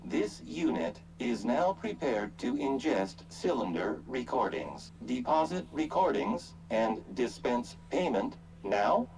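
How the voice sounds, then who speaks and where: A man's voice: mid-range voice, very animated, slow pace, vocal fry, few pauses, darkish tone, a little hiss or hum, exaggerated voice, rough recording. A man voicing a stiff, glitching vending robot in a video game, speaking in a clipped, announcing way and breaking off words like a computer processing.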